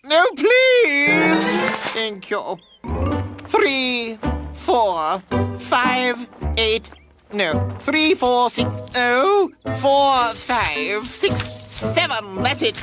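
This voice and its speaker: A woman voicing a vain, fussy middle-aged male governor in a cartoon, pompous and easily flustered, over loud music. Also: on the high side. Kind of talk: cartoon voice acting.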